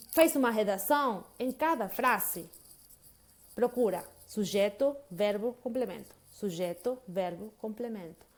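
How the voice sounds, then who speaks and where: A woman with a Brazilian Portuguese accent teaches grammar in an easy, casual way. Her voice sits a little high, and she chats as she goes, often checking that the listener is following. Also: darkish tone. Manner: chatty, keeps checking in with the listener. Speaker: English teacher. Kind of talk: casual lesson explaining grammar.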